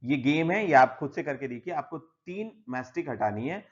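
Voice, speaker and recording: A man's voice: on the high side, lively intonation, normal speed. A man teaching an English textbook lesson in Hindi with English words mixed in. He goes through it step by step and often says "theek hai". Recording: slightly dull lo-fi audio.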